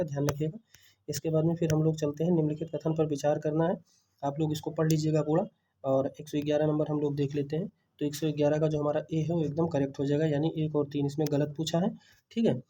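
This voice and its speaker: A man tutoring students through an exam paper's answer key, speaking. He repeats each answer back as a quick question to himself. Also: fairly high pitch, dark tone.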